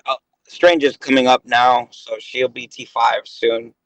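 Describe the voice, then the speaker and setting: A man in his late thirties, a gaming guest, chats casually on a voice call, rambling and hesitating with plenty of fillers. His mid-range voice holds a steady tone at a measured pace. The recording is rough, with no room sound.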